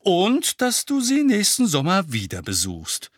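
A man lifting his voice for a gentle wizard. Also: sits high, huge pitch swings, a little slow, dry recording, studio quality, voice pushed up, full character voice. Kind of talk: audiobook character voice.

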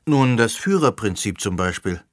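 A man's voice: fairly low pitch, big pitch swings, normal speed, dry recording, studio quality. A man voicing a composed, middle-aged teacher explaining things in a lecturing manner. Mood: calm.

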